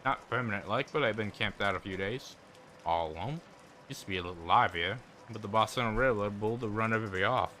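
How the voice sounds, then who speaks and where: A man's voice: on the low side, quick pace, sharp tone, slight background noise. A man voicing a cheerful, friendly hobo who talks in an easygoing, folksy way. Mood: chatty. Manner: folksy, easygoing drawl, rural turns of phrase.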